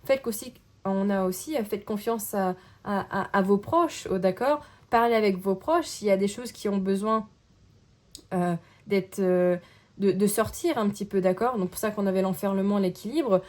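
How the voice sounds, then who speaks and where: Gentle woman reading tarot cards. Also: mid-range voice, normal speed. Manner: gentle, searching, often checks in with the listener. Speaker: tarot card reader. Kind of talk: casual tarot reading to camera.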